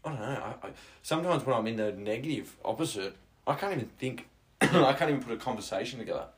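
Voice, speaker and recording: A man's voice: mid-range voice, fast talker. A young man co-hosting a casual chat podcast, telling stories with lots of laughter. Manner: laughs often, animated storyteller. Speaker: podcast co-host, real estate agent.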